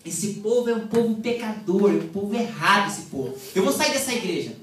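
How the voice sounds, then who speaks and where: A woman with a Brazilian Portuguese accent preaching a sermon at a church service, telling stories lively and acting out the quoted dialogue. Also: medium pitch, fairly quick, a little hiss or hum. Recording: echoey hall, mic far off, congregation behind.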